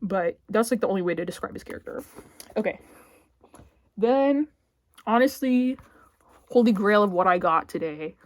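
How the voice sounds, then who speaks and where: A woman with a mid-range voice rambles casually about her latest book finds, her words full of "like" and restarts. She jumps into high, excited squeals now and then. The sound is close and dry, with no room echo. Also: normal speed, pauses often. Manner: chatty and rambling, heavy filler words, sudden squealy outbursts. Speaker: book vlogger.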